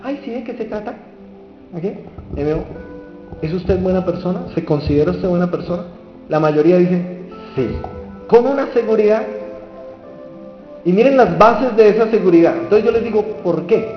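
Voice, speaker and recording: A man's voice: high-pitched, moderate pace, long pauses. A man preaching a sermon, asking the audience questions and acting out the people he quotes. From Colombia. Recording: dull reverberant hall with faint music.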